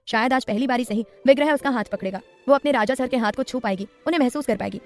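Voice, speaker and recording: A woman narrating a romance audiobook in brisk, even storytelling. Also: fairly high pitch. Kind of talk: scripted narration.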